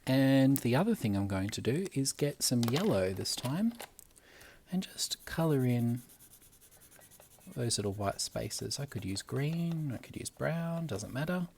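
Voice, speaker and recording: Slow, gentle teacher man. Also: medium pitch, very animated, gravelly, a little hiss or hum. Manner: gentle, unhurried, talks while drawing. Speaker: primary school teacher. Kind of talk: drawing tutorial for children. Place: classroom at school.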